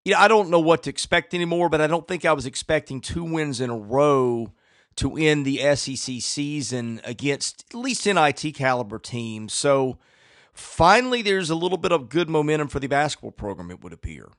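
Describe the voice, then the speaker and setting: A man's voice: a little high, animated, fairly quick, a bit bright, no room sound. Male sports podcast host, dry sound.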